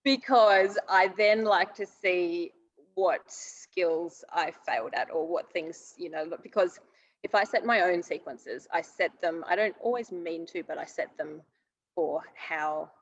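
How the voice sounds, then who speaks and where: A woman's voice: lowish voice, unhurried. An Australian woman being interviewed, talking in a chatty, self-mocking way about training her dogs. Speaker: interviewee, dog agility handler. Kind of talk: casual chat on a video call. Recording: muffled call audio with faint noise.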